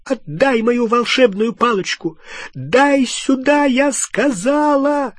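A man's voice: huge pitch swings, slow, a bit bright, slightly rough, dry recording, studio quality, full character voice. A man reading an audiobook, voicing a furious, bossy teenage girl who shrieks and turns sarcastic. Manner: shrill, screeching, sarcastic. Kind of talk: audiobook character voice.

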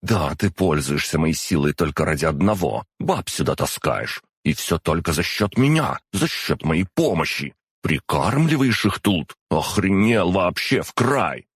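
A man's voice: deep voice, very animated, unhurried, husky, no room sound, studio quality, pitched above the performer's own voice, exaggerated voice. A man reading an audiobook and voicing a hot-tempered, jealous female demon who grumbles and teases. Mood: indignant. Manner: grumbling, hissing, teasing. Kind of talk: audiobook narration.

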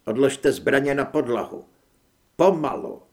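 A man voicing a gaunt, unhinged male shapeshifter who shouts and snarls threats. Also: medium pitch, expressive, lightly acted. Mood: commanding.

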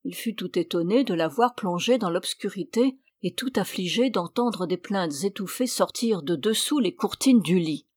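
A woman storyteller reading a fairy tale aloud in a measured, clear narrating voice. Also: medium pitch, lively intonation, darkish tone, dry recording, clean studio sound.

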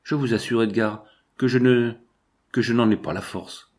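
A man reading the quiet, hesitant lines of a destitute, starving young woman in a storybook reading. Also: mid-range voice, steady tone, normal speed, close to an everyday voice. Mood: sad.

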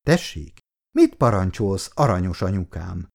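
A man's voice: low-pitched, very animated, vocal fry, a little mellow, exaggerated voice. A male reader voicing an evasive young man who placates his mother. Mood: sheepish. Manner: placating, sheepish.

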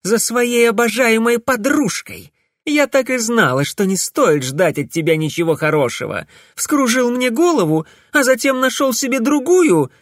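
A man's voice: extremely high pitch, very animated, moderate pace, no echo, clean studio sound, voice pushed up. A man voicing a capricious young female witch in an audiobook, coy and sulky by turns.

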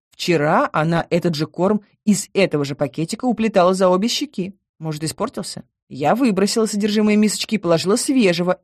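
Woman audiobook narrator, calm, lowish voice, dry close sound. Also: no room sound. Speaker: audiobook reader. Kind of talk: first-person novel narration.

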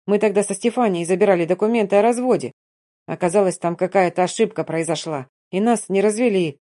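A woman's voice: mid-range voice, fast, dark tone, lightly acted. A woman voicing a grown man who talks in a clipped, cold way in an audiobook. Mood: explaining.

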